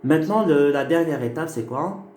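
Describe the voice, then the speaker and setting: A man teaching a class, explaining slowly and patiently and repeating key words. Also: a little high, lively intonation, darkish tone. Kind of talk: phonetics lecture. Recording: echoey room with faint noise.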